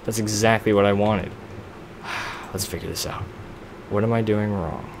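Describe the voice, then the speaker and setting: With a fairly low, steady voice and an unhurried pace, a young man gives casual commentary on a block-building game. He rambles and jokes at his own expense while working things out, with slight background noise.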